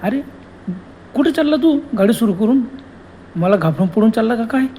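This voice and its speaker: A man's voice: very high voice, animated, moderate pace, mellow, slight background noise, pitched above the performer's own voice. A man voicing a teasing female ghost who calls out and coaxes a frightened man to sit and chat. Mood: coaxing. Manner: coaxing, wheedling calls. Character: teasing female ghost, coaxing, cheerful and eerie.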